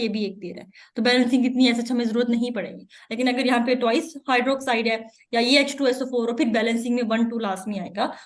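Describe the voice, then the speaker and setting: A woman teaches chemistry in a high, light voice. She works through each step patiently and repeats the key terms. English technical words slip into her lecture. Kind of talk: exam-prep lecture.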